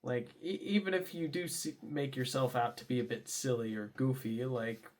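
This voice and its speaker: Young guy rambling through his day in a vlog, lots of um and like, pops into loud high yelps. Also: moderate pace. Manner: rambling, with many fillers and restarts; bursts into loud high exclamations. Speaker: vlogger. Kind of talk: casual diary vlog.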